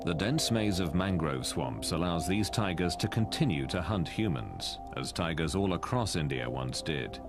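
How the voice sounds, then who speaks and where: A man reading scripted nature documentary narration in a dramatic, measured way. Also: sits low, lively intonation, over music.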